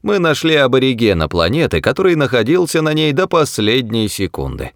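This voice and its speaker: Man doing a small mouse, high-pitched, businesslike, fed up, quick, lively. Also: dry recording, clean studio sound. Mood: brisk. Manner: chatty, tired and fed-up.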